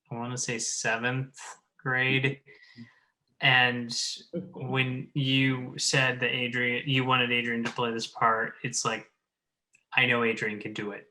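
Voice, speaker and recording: On poor audio, a mid-range male voice speaks slowly and flatly, with a bright, forceful tone. As director, writer and producer of an audio drama, he looks back on the project in an earnest, casual panel conversation.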